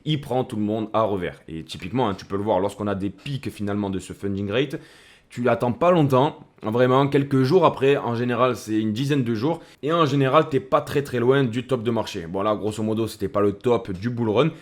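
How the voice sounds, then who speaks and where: A man's voice: medium pitch, a little fast. A man hosting a casual crypto commentary, speaking in a chummy way that addresses the viewer as a buddy. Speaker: crypto video host.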